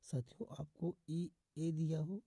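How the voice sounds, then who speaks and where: This man's voice is fairly high-pitched, steady and warm, with no room sound. Teaching English pronunciation in Hindi as a phonics lesson, he repeats the rules slowly and stretches out example words, frequently addressing viewers as "friends."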